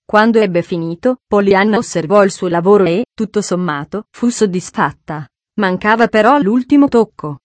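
A woman narrating an audiobook in a measured, expressive storytelling voice. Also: mid-range voice, no echo.

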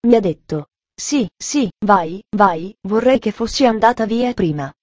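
An eager little girl pleads in a soft, earnest voice, put on by a woman reading a storybook. The tone is mellow and warm, and the sound is close and dry with no room around it. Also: mid-range voice, lively intonation, unhurried, no echo. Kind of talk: audiobook reading.

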